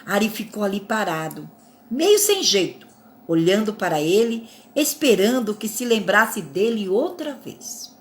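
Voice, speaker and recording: A woman reading a spiritual fable aloud in a calm, measured way, with small slips and self-corrections. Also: mid-range voice. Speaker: narrator.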